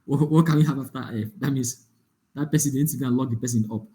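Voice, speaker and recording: A man's voice: mid-range voice, quick pace, mellow. A man teaching a live online data analytics class, explaining with examples and often checking that the class follows. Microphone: online call.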